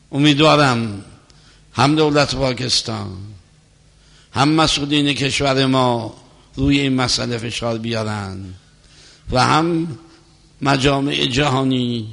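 A man giving a religious lecture on law as a cleric, explaining points in a measured, teacherly way. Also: mid-range voice, vocal fry. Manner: measured, explanatory lecturing, recites scripture softly. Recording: long hall reverb.

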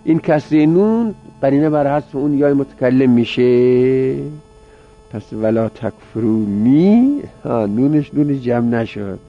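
A man's voice: medium pitch, few pauses, soft background music. Man lecturing on grammar, lo-fi hum. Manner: repeats words aloud, drilling, explaining step by step. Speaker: teacher. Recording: dull lo-fi recording with mains hum.

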